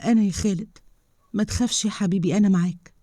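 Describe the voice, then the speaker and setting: A woman with an Egyptian accent voicing a protective woman scientist who soothes gently and argues hotly. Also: mid-range voice, fast talker, no room sound, voice pushed up, natural voice. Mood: tender. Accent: Egyptian Arabic. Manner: soothing with the wolf, heated with colleagues.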